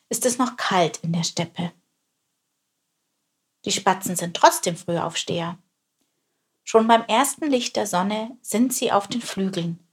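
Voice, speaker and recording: A woman calmly narrating a children's animal story. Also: medium pitch, breathy edge.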